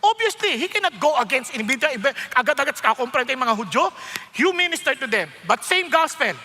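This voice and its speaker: Bright high-voiced pastor preaching. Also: male voice, fairly quick. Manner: animated, joking, code-switching into English. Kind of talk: sermon. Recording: long hall reverb.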